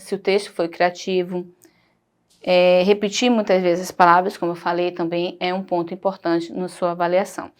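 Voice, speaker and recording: A woman teacher with a Brazilian Portuguese accent, giving a recorded primary school lesson in a patient, explanatory way and pointing things out as she goes. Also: lowish voice.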